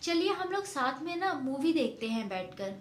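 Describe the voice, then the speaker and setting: A woman's voice: sits high, very animated, normal speed. A woman voicing a patient, persuasive young daughter-in-law. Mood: coaxing. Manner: gently persuasive. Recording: echoey room, faint noise.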